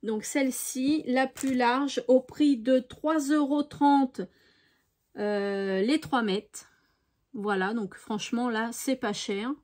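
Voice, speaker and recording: Chatty high-voiced woman vlogger. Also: steady tone, slow, darkish tone. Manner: chatty, with frequent hesitations and "voilà". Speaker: craft vlogger. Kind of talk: casual haul show-and-tell.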